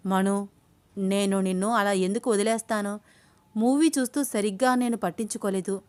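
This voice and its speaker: A woman voicing a calm, caring young man in a spoken storybook. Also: medium pitch, moderate pace, dry recording, close to an everyday voice. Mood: reassuring.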